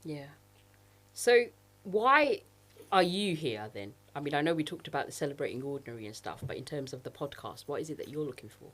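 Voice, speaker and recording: A woman's voice: low voice, very animated, a little fast, a bit bright. A woman co-hosting a podcast in casual chat, playful and teasing, laughing often. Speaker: podcast co-host.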